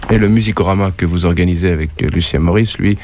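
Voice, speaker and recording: A man putting interview questions in a measured, hesitant way on a dull archive radio recording. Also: low-pitched.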